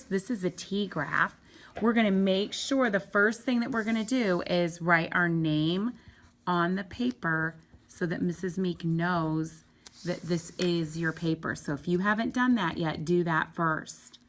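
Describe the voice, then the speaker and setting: A woman teacher giving a home lesson to young children. She reads aloud slowly in a sing-song way and gives bright, encouraging step-by-step directions. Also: on the low side. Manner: slow, sing-song read-aloud with drawn-out words.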